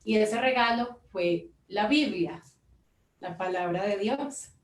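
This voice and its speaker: A woman's voice: mid-range voice, takes it slowly, roomy sound, far from the mic, rough recording. A mother giving an emotional personal testimony, telling her story earnestly and acting out the dialogue she quotes.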